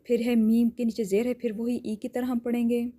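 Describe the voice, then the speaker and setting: A woman teaching Quran recitation rules. She explains each rule patiently and step by step, often checks in with "theek hai?", and stretches out words slowly to demonstrate. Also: a little high, level tone, dark tone. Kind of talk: tajweed lesson with slow drawn-out demonstrations.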